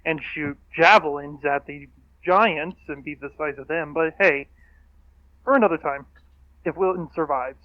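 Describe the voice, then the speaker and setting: A man's voice: fairly high pitch, normal speed. A man chatting casually as a player in a tabletop game. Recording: slightly dull lo-fi mic.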